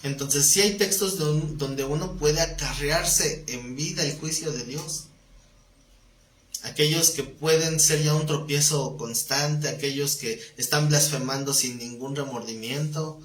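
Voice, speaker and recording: Speaking a little slowly in a fairly high voice, this man leads a live Bible class in a relaxed, conversational way, testing his students with questions and trading jokes. The recording has an echoey room sound and faint noise.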